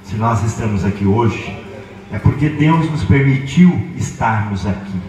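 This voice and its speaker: Slow-paced priest over echoing PA. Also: male voice, lowish voice, expressive, a little mellow, slight background noise. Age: middle-aged. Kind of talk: spoken blessing and prayer at an event. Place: open-sided tent at outdoor cattle auction. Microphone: handheld microphone through PA. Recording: echoey PA system, distant, faint music.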